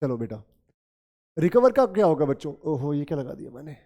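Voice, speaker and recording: His voice is fairly high and mellow, with wide pitch swings and a brisk delivery. He's a middle-aged man with a Hindi accent explaining English vocabulary to a class, repeating key terms and referring to his students as children.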